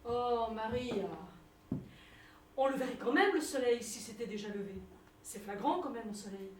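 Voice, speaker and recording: A down-to-earth, reassuring young mother played by a stage actress speaks in a high, conversational voice. The room is echoey and she sounds far from the mic. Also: moderate pace, natural voice. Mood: reassuring, matter-of-fact. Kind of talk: stage play performance. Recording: echoey room, distant mic, faint noise.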